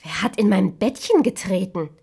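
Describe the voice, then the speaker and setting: Seven small, kind and fussy dwarf men from a storybook, as a woman reading aloud puts them on. They ask their questions in a puzzled way, now and then dropping to a hushed whisper, with a lively rise and fall in the voice. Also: medium pitch, normal speed, breathy edge.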